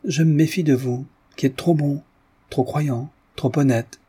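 A man's voice: a little high, fairly even intonation, measured pace, dark tone, husky, voice pushed up. A man reading aloud and voicing a coquettish, anxious young wife who pleads tenderly with her husband. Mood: pleading. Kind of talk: audiobook reading.

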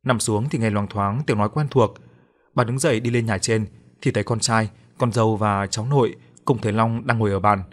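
A man narrating an audiobook story in a steady, even storytelling voice. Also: lowish voice, fairly quick. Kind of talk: scripted storytelling.

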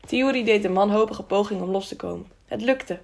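A woman reading a children's adventure audiobook in a steady, expressive storytelling voice. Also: mid-range voice, fairly quick, gravelly. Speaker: audiobook narrator. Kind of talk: audiobook narration.

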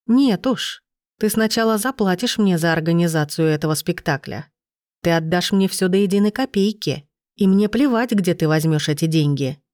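A woman's voice: lowish voice, moderate pace, darkish tone, dry recording, studio quality, close to an everyday voice. A woman reader voicing a greedy, threatening grown man, the heroine's brother, speaking harshly.

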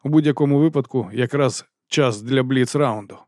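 A man reads an audiobook in the first person, steady and wry. His voice sits at a medium pitch. The sound is dry and close, with no room echo. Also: moderate pace. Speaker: audiobook narrator.

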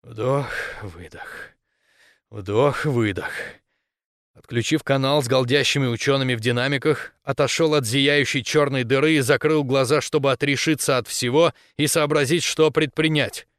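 A man narrating a first-person science fiction story in a steady storytelling manner. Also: medium pitch, fairly quick, few pauses, dry recording, clean studio sound. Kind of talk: audiobook narration.

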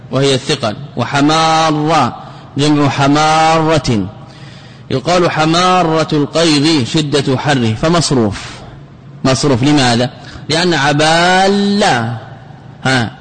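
A man's voice: fairly high pitch, poor audio. A man teaching a classical grammar lesson, asking questions and answering them himself and repeating key words.

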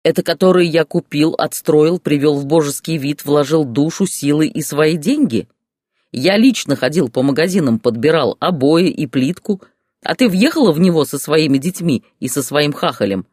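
A man voicing a furious, jealous ex-husband in an audiobook story, shouting in a rage. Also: a little high, lively intonation, normal speed, no room sound, clean studio sound, voice pushed up. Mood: raging. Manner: shouting, raging rant.

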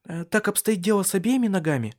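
Male reader doing an eager, worried young wife in an audiobook; raised pitch, very expressive. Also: normal speed. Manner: pleading, pressing questions. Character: anxious, insistent young wife. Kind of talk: audiobook character reading.

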